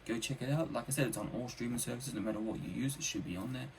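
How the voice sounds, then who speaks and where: A man's voice: medium pitch, very fast, slight background noise. A man giving a casual, enthusiastic spoken music review, stressing points by repeating his phrases. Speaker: album reviewer.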